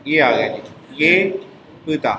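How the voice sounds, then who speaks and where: A man's voice: mid-range voice, slow pace, bright, forceful tone, roomy sound, slight background noise, low-quality recording. A man teaching a language lesson step by step, asking his class to repeat words back.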